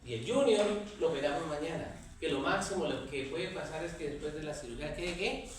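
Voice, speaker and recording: A Colombian man teaching an anatomy class, quizzing his students and telling lively anecdotes. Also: fairly high pitch, fairly quick, far from the mic. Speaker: anatomy lecturer. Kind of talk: classroom lecture. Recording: echoey classroom recorded from afar.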